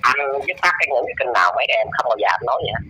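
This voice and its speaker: A man in his eighties with a Southern Vietnamese accent, talking as an interview guest and lecturing in a scolding, preachy way, his pitch leaping up and down. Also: big pitch swings, very fast, bright, forceful tone, a little hiss or hum, poor audio. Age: 80s. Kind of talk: casual lecturing chat.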